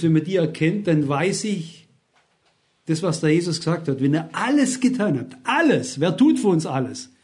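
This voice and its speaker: A man's voice: on the high side, darkish tone. A man in his sixties preaching a sermon, emphatic and constantly asking his listeners rhetorical questions.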